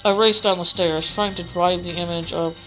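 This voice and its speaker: A woman with a lowish, fairly even voice reads visual novel narration aloud at a normal pace, adding casual asides of her own as she does a let's play. The recording is rough, with game music playing in the background.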